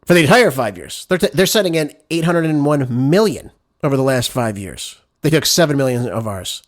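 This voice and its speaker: Sarcastic talk show host, lively pitch. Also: male voice, a little fast. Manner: combative, sarcastic, addresses listeners as "folks". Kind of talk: solo opinion commentary.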